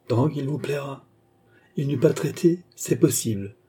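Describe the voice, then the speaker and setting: A sly, sardonic con man in a storybook read-aloud, as a man reads him. The voice is mellow and husky, confident and a little mocking. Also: mid-range voice, unhurried, voice pushed up. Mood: scheming. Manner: scheming and mocking. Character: cunning, sardonic male swindler.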